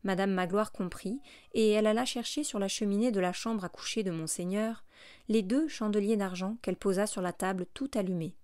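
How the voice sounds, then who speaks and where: Woman, audiobook narrator, steady measured reading, middle pitch, dry close recording. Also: dry recording.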